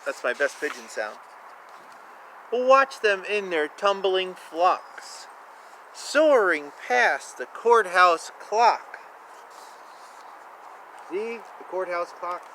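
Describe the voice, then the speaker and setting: A man reads a children's picture book aloud outside, his voice high and very animated. He takes it slowly in a sing-song way, dropping in casual asides, with clear ambient noise around him. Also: rough recording. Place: outdoors. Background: outdoor ambience.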